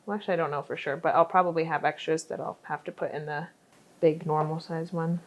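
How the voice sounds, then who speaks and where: A young woman vlogs from her home kitchen, baking while chatting casually and teasing herself. Her low voice keeps a steady tone at a quick pace, with slight background noise.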